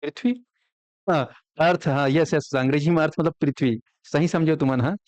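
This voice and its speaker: Male coaching teacher, slightly high voice, dry close sound, quizzing the class as he goes. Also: fairly even intonation, a little fast, a little mellow, no room sound. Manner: quizzes students with frequent call-and-response questions. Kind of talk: classroom lecture.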